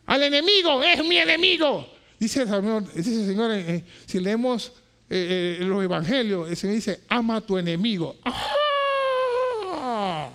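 A pastor preaching with fervor, his voice high and gravelly, and sharp in tone. He swoops widely in pitch, bursting into shouts and falling back to hushed asides, and he hammers home phrases by repeating them. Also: big pitch swings, a little slow. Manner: swings between shouting and quiet asides. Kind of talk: impassioned sermon.

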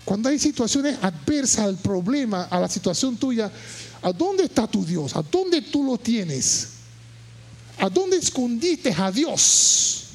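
A man preaching a sermon, moving from quiet storytelling to shouted, impassioned high points and repeating phrases for emphasis. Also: very animated, a little slow. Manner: repeats words and phrases while telling a story.

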